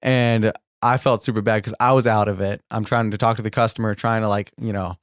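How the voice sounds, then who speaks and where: A man's voice: on the low side, level tone, brisk, smooth, dry recording, clean studio sound. A young man co-hosting a podcast, telling a long story in a rambling, casual way, laughing often and saying "like" a lot. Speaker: podcast co-host.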